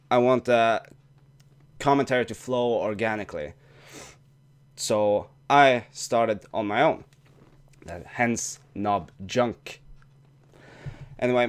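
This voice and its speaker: This YouTuber is a young man whose native language is Norwegian, speaking casually to the camera in a vlog, restarting often and swearing. His voice sits on the low side and sounds clean.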